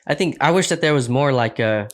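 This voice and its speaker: A man's voice: medium pitch, expressive, brisk. A man co-hosting a sports podcast in casual chat, emphatic and opinionated, laying out blunt takes. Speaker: podcast co-host.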